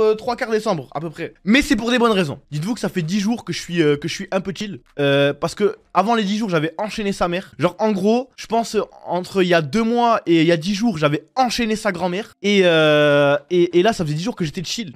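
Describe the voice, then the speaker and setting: A young man from France chats loosely with his live-stream audience, full of slang and restarts. His voice sits quite high for a man. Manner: slangy, rambling, talks to chat. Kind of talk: casual live-stream chat.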